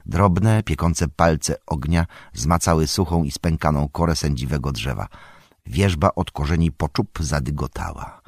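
A man reading a fantasy story aloud in an expressive, dramatic narration. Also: a bass voice, unhurried, husky, no room sound, studio quality. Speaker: audiobook narrator.

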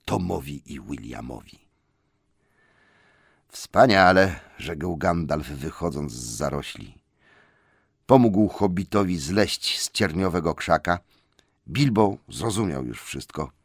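A man narrating an audiobook fairy tale in an expressive storytelling manner. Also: low-pitched, unhurried, husky, no echo, clean studio sound. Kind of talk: scripted narration.

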